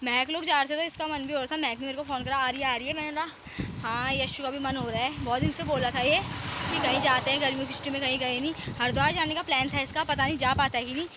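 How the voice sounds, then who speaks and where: Young indian woman vlogging her day, kinda high voice, rambly storytelling, lots of noise behind. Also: fairly even intonation, quick pace. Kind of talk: casual vlog narration. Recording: noisy outdoor phone audio.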